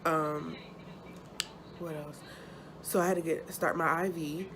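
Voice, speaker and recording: A woman vlogger chatting casually and haltingly, sounding sore and uncomfortable after surgery. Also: sits low, fairly even intonation. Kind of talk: casual chat, personal update to camera. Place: hospital room. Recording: noticeable background noise.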